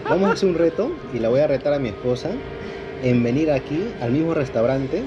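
A young man with a Peruvian accent chats through a food-tasting vlog. He explains dishes to the camera in a relaxed, talkative way. Restaurant music plays clearly behind him, picked up by a camera on the table. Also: medium pitch, fairly quick, dull audio, a loud crowd. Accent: Peruvian Spanish. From Peru. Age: young adult. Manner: chatty, explains to viewers, reacts loudly to spicy food. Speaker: vlogger host. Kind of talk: casual food-tasting chat. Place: indoor sushi restaurant.

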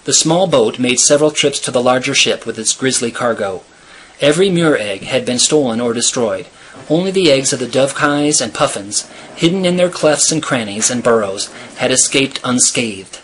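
A man reading a chapter of a novel aloud in a steady, measured storytelling manner. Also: medium pitch, slight background noise, low-quality recording. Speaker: reader.

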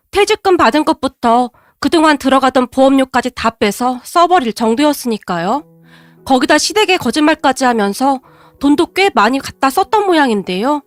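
A woman with a high voice reads a first-person story in calm, confiding scripted narration. The sound is dry and close to the mic, with faint music beneath. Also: no echo.

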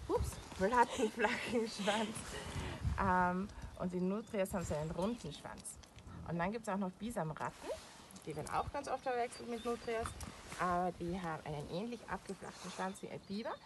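A young Austrian woman explains animals to children in a kindergarten teacher manner, using simple words, recorded outdoors. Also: mid-range voice. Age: young adult. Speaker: animal trainer and presenter. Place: outdoors in a small animal enclosure. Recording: clear outdoor background noise, animal sounds.

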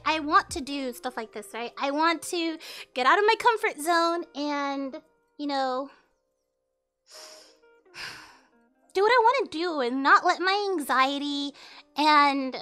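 A woman's voice: high-pitched, takes it slowly, pauses often. A young woman chatting casually on a cooking livestream in a cute, girlish, giggly anime-streamer manner, speaking into a close mic. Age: young adult. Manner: giggly, expressive. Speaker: live streamer. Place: home kitchen, indoors. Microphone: close studio mic on a boom arm. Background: music.

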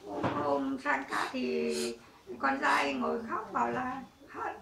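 Woman at a seance, high voice with gravel in it, keeps agreeing, far from the mic with a crowd talking. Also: slow pace. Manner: deferential, agreeing. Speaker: family member consulting a medium. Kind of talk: séance conversation. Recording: echoey room, far mic, crowd noise. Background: crowd chatter.

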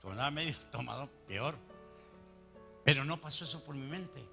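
A man, telling his faith testimony in a preaching style, animated and chuckling as he recounts. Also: medium pitch, moderate pace, creaky, faint music behind. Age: 60s. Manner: animated storytelling, chuckling asides. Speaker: church brother giving testimony.

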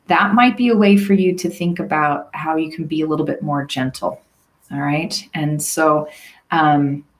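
A middle-aged woman coach talks straight to her viewers in a relaxed, motivational way. She is expressive and enthusiastic and keeps tagging her points with a quick "right?". Her voice sits a little on the low side. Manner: enthusiastic and expressive, often stops to ask "right?". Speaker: leadership coach and trainer. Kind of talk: casual motivational talk to camera.

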